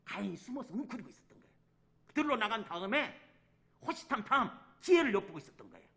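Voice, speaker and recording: A man's voice: high voice, very animated, quick pace, gravelly, pushed and bright. A male pastor preaching a sermon, putting questions to the congregation and acting out the quoted lines. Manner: asks the congregation questions and answers them himself.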